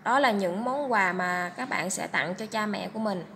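A woman primary school teacher giving a reading lesson to first graders, reading aloud and spelling out words slowly and clearly. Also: medium pitch, a bit bright, slight background noise. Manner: slow, clear, syllable-by-syllable teaching delivery.

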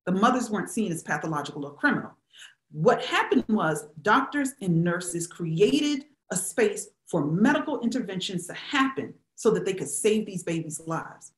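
A middle-aged woman, a historian and professor, answers questions as a guest speaker on a video call from a small room at home. Her mid-range voice is very animated and moderately paced, full of emphasis and rhetorical questions. The webcam gives the sound a roomy quality.

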